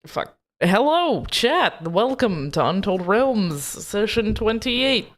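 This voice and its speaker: A tired woman hosting a stream with blunt, sweary, unfiltered banter, her rough mic echoing in an empty apartment room. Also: mid-range voice, sing-song, takes it slowly. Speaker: stream host and player. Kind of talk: casual stream intro and banter.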